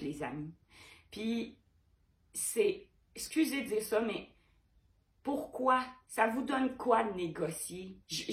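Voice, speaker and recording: A woman painter from Quebec speaks straight to the camera in a vlog, her medium-pitched voice carrying a Québécois French accent and some reverb. She talks to her viewers frankly and animatedly, firing off rhetorical questions.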